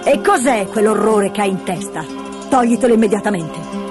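Storybook role: woman reading as a strict governess, sharp and clipped, music underneath. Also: mid-range voice, lively intonation, normal speed, lightly acted. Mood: scolding. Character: stern, strict middle-aged governess. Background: background music.

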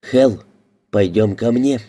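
A man reading the lines of a defiant woman with a hidden past, answering in sharp, defensive retorts. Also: on the low side, slow. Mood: pleading.

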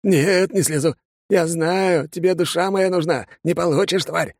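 A man's voice: on the high side, a little slow, a little mellow, dry recording, studio quality, pitched above the performer's own voice. A man voicing a terrified, superstitious old drunk who shrieks and wails in slurred, hysterical rants.

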